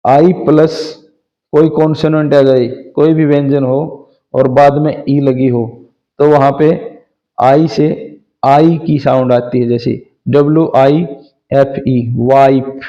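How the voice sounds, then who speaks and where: Slow, patient male phonics teacher. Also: mid-range voice, flat delivery, mellow. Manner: slow, patient, spells words letter by letter. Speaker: English teacher. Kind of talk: phonics lesson, spelling out letters. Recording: dull lo-fi sound.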